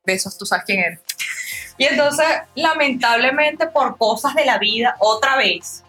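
Bright-voiced woman telling a story. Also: on the high side, measured pace, faint music behind. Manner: animated storyteller, acts out quoted voices. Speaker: podcast host. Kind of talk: storytelling podcast chat. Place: podcast studio.

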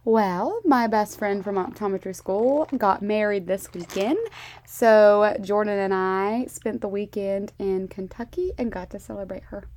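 A young woman with an American country accent, chatting casually as a co-host in an informal, slow-talking, giggly manner. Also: medium pitch, a little mellow. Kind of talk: casual chat.

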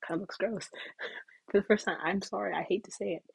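A woman's voice: medium pitch, fairly even intonation, moderate pace, gravelly, breathy edge, no echo, poor audio. A young woman telling a casual story to camera, chatty and full of "like", sometimes dropping into whispers. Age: young adult. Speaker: vlogger.

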